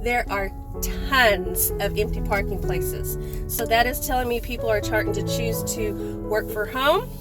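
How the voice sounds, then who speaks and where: A woman's voice: fairly high pitch, measured pace. A middle-aged woman talking casually and earnestly in a reflective vlog journal, recorded in a car with road noise. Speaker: classroom teacher, vlogger. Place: inside a car, driving on a commute. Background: road noise, music.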